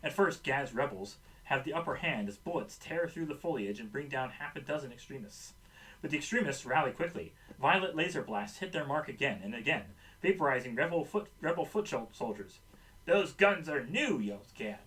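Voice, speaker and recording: Animated man reading game story aloud. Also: medium pitch, fairly quick, distant mic, rough recording. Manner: animated, laughs at his own slips. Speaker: story reader for a board game.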